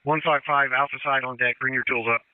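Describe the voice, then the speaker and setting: A man's voice: mid-range voice, fairly even intonation, fast talker, no room sound. An American man working as a fire incident commander, giving terse procedural orders over a two-way radio. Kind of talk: fireground radio dispatch traffic. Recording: tinny narrowband two-way radio.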